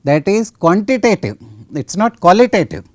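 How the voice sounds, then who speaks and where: A man's voice: high-pitched, sing-song, moderate pace, a little mellow, no echo, studio quality. A man giving a technical science lecture, didactic, often putting questions and answering them himself.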